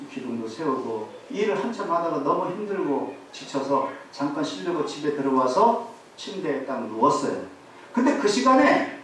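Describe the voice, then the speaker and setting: A man preaching in a church, with a high, lively voice that climbs and dips as he tells a story. He asks the congregation rhetorical questions. The sound is very echoey, with the voice caught from a distance and a faint hiss underneath. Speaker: pastor. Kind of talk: sermon. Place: church sanctuary.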